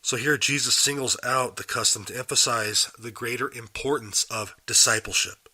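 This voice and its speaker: Getting over a cold, the podcast host's voice is still a little raspy as he earnestly walks through a Bible passage and questions his listeners on his daily show. He speaks at a moderate pace in a medium pitch, his intonation fairly even and his tone bright and forceful, all recorded live without edits.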